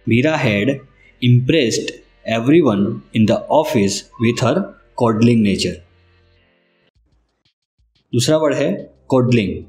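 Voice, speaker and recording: A man teaches vocabulary in a slow, unhurried, deliberate way, spelling each word out letter by letter. His voice rings in a roomy, echoey space, with soft music playing underneath. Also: medium pitch. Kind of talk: scripted vocabulary lesson. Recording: roomy echo with faint music.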